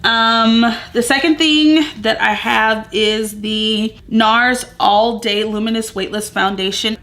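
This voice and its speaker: A woman's voice: mid-range voice, fairly bright tone. Chatty woman vlogger in her thirties. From Southern US. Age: 30s. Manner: chatty, upbeat, rambling with many fillers. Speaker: beauty vlogger. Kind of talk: casual chatty get-ready-with-me vlog. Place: at home among moving boxes.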